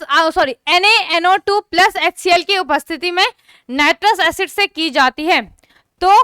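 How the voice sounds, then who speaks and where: A woman's voice: extremely high pitch, sharp tone, dry recording, clean studio sound. A young woman teaching an online chemistry class, often stopping to check whether her students have understood. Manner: repeatedly checks understanding, asks students to comment.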